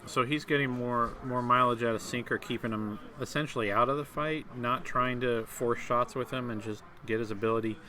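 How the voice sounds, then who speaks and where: Over slight background noise, a man commentates a tabletop miniatures tournament live with a medium-pitched, steady, sharp voice. He talks fairly quickly with few pauses, though his casual delivery is still hesitant, full of fillers and restarts.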